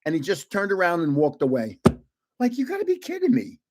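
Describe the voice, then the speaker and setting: A man in his seventies hosts a casual livestream where he opens trading cards, telling rambling anecdotes and laughing often as he chats and tells stories. His pitch swoops wildly and his pace is fairly quick. He describes his own voice as booming when he yells.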